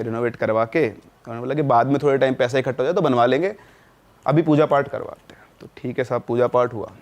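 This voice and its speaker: A man telling a spooky story in a casual, conversational way, with dramatic pauses. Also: mid-range voice, darkish tone. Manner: conversational, dramatic pauses, addresses listener as bhai sahab. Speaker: storyteller guest.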